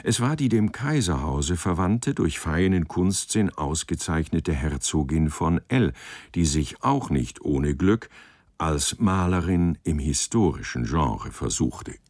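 A man reading a literary story aloud in a measured, expressive manner. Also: very deep voice, no echo, studio quality. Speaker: narrator. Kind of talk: audiobook narration of a literary story.

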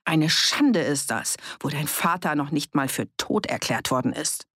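A woman's voice: low voice, lively intonation, unhurried, a bit bright, slightly rough, no echo, clean studio sound, full character voice. A woman reading an audiobook, voicing a furious older farm woman who scolds and sneers. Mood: scornful.

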